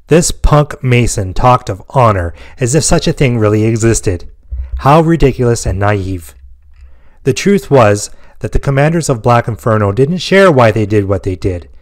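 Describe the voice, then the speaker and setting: A man telling a science fiction war story in steady, even scripted narration. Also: medium pitch, moderate pace.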